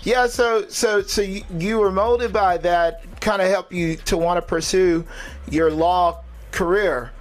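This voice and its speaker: A man hosting a casual interview, enthusiastic, with lots of quick affirmations. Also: high-pitched, fairly even intonation, soft background music. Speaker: podcast host.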